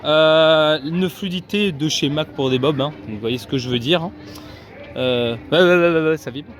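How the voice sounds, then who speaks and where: Chatting to his audience from a crowded theme park, this vlogger from France keeps things casual and peppers his speech with fillers. He speaks at a moderate pace in a somewhat high voice.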